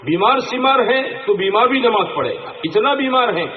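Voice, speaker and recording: High-voiced male preacher, tinny and echoey. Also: expressive, moderate pace. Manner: asks the crowd rhetorical questions. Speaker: Islamic preacher. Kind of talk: sermon to a gathering. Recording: tinny phone-like sound in an echoey room.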